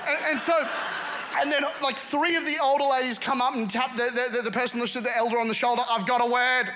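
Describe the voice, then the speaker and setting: Male preacher, high bright voice, playful storytelling sermon to a congregation. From England. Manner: humorous, animated storytelling with quick asides. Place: church service with congregation.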